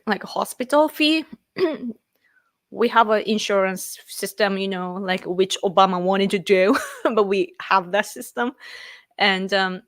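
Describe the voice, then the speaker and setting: Chatting casually on a live stream, a Japanese woman in her late thirties laughs often as she responds to viewers, speaking with a Japanese accent. Her voice is mid-range and a bit bright, with no echo.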